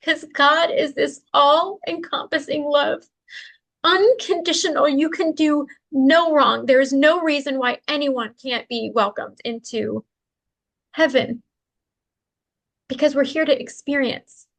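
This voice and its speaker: A woman's voice: sits high, measured pace, vocal fry, a bit bright. A woman who is a guest in an interview, telling a personal story in an earnest, open way, with light laughs and fillers. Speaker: interview guest, spiritual practitioner.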